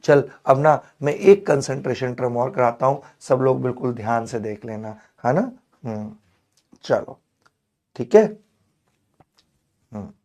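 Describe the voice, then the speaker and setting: Hoarse male tutor, slow and drawn-out, teasing and affectionate with the class; good for a strained-voice teacher read. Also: mid-range voice, lively intonation, darkish tone. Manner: playful, coaxing, affectionate with students. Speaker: chemistry teacher. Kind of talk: live online exam-prep class.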